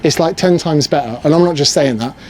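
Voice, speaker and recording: A man's voice: fairly high pitch, fairly quick. A man from the United Kingdom narrating a casual travel vlog in a brash, jokey way, swearing for comic effect. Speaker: vlogger. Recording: loud background music under the voice.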